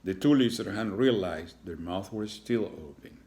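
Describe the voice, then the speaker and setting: Low-voiced man reading a children's story. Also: animated, moderate pace, darkish tone. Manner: adds chatty asides to listeners. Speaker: reader.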